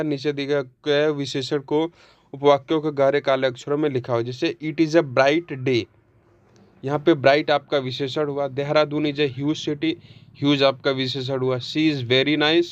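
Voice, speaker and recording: A man giving an English grammar lesson in Hindi, reading word lists slowly and pausing between words. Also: mid-range voice, dry recording, highs cut off. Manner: reads word lists slowly, with short pauses; explains in Hindi, with occasional throat clearing.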